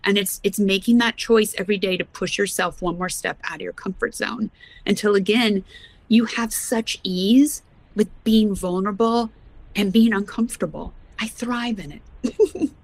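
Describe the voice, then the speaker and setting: A woman's voice: mid-range voice, moderate pace, poor audio. A woman guest in an interview, a mountaineer speaking earnestly and often laughing. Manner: earnest, laughs often, leans on words for emphasis. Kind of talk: casual interview talk.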